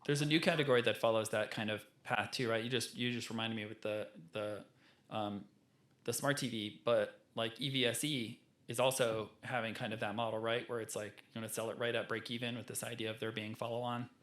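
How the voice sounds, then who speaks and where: A man's voice: mid-range voice, steady tone, fairly quick, fairly bright tone. An easygoing man with a mid-range voice hosts a casual podcast and likes to joke. His voice carries a roomy echo. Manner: easygoing, joking. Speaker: podcast host.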